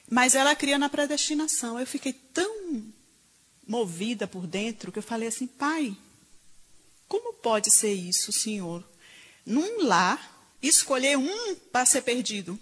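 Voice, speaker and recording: A woman preacher, delivering a sermon in animated storytelling style and acting out the people she quotes. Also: a little high, breathy edge. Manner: animated storytelling, quoting others in dialogue. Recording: reverberant hall.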